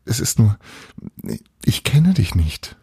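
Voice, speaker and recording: Man voicing anxious young woman, audiobook figure, pleading questions, raised pitch, raspy, dry sound. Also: sing-song, slow pace, mellow, dry recording, full character voice. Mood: bewildered. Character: confused anxious young woman newly dead.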